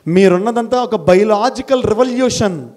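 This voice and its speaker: A middle-aged man from India, a school principal, giving an animated motivational talk to college students, firing rhetorical questions and repeating key phrases for emphasis. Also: high voice, normal speed. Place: college gathering, addressing students.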